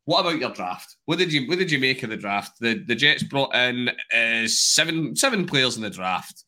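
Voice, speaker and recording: Bright-voiced playful Scottish host. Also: male voice, medium pitch, animated, moderate pace. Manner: teasing, playful questioning. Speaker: podcast host. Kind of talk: casual chat.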